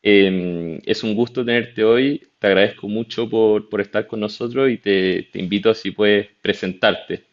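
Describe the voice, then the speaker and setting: Low-voiced interviewer on dull audio. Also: male voice, fairly even intonation, a little slow, few pauses. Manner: courteous, long winding questions. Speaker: interviewer, gallery director. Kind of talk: formal interview questions.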